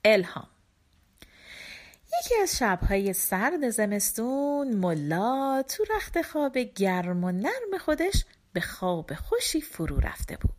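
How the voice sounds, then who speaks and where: A woman narrating a children's folk tale audiobook in an expressive, animated storytelling manner. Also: a little high.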